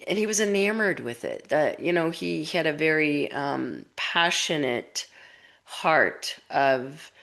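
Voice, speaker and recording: A woman with a low voice tells of a personal experience in casual, unscripted speech. Her intonation swings widely, and she rambles with many fillers and restarts as she talks. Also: creaky, fairly bright tone. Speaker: researcher and author sharing a personal experience. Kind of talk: casual spoken testimony.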